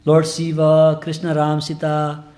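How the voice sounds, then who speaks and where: A man with a rather high voice gives a scripture class. He speaks in an earnest, informal way, and his English grammar is loose. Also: completely flat delivery, measured pace, dark tone. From Nepal. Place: temple hall.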